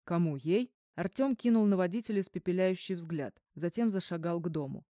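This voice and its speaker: A woman reading an audiobook in a measured, even narration. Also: lowish voice, no room sound, clean studio sound. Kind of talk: scripted narration.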